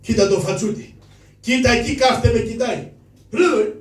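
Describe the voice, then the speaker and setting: Karagiozis, a man voicing him, shrill and scolding. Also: recorded from a distance. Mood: scolding, frantic. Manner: loud, scolding, fast bursts. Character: Karagiozis, poor hot-tempered male hero, shouting. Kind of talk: Greek shadow puppet theatre. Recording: roomy live stage from afar.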